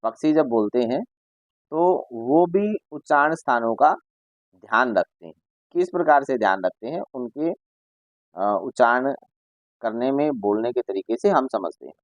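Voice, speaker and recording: A man's voice: mid-range voice, expressive, a little slow, dry recording, lo-fi sound. A male Sanskrit teacher explaining a school lesson to children. He reads Sanskrit lines, then explains each one in Hindi, and imitates bird calls as examples.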